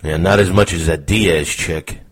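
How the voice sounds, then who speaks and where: A deep, husky and brash male butler in a comedic radio play. He barks every line loudly, far below a normal speaking voice. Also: steady tone, measured pace.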